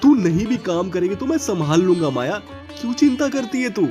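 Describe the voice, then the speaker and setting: A man voicing a poor, caring husband and father in an animated story, reassuring his wife. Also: high voice, a little fast, soft background music, voice pushed up.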